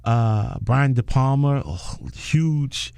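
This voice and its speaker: A man's voice: mid-range voice, takes it slowly, creaky, clean tone, dry recording. A man, a film director guest in a casual interview, telling a story with animation and laughing often. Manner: animated storyteller, acts out quoted voices.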